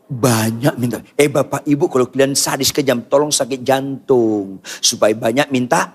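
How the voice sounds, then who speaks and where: An older man preaching a sermon in church, firing rhetorical questions at the congregation and swinging from quiet asides to loud outbursts. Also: medium pitch, moderate pace, husky. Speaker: pastor.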